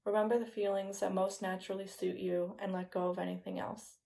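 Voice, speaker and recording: Slow, hypnotic woman guiding meditation, mellow and creaky. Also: medium pitch, flat delivery. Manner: slow, soothing, hypnotic delivery with soft phrase endings. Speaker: yoga nidra meditation guide. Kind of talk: guided meditation, scripted relaxation narration.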